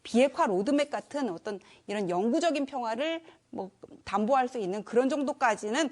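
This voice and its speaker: Fast-talking higher-voiced female commentator. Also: lively intonation. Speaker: panel commentator. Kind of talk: political analysis in a panel discussion.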